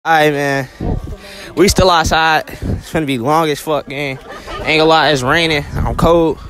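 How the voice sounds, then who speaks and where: A man's voice: on the high side, steady tone, moderate pace, music in the background. A young man vlogging casually on his phone while walking a snowy college campus, talking in blunt slang and joking complaints. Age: young adult. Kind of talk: casual vlog chat. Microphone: phone held at arm's length. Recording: outdoor phone audio with crowd.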